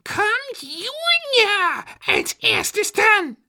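A squeaky spiteful baby chicken. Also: male voice, big pitch swings, vocal fry, bright, forceful tone, exaggerated voice. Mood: gloating. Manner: squeaky, drawn-out, mean.

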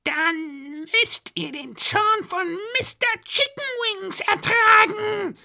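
Shrill mean baby chicken villain, storybook, drawn-out gravelly squeal, set back from the mic. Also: male voice, pushed and bright, exaggerated voice. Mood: gloating.

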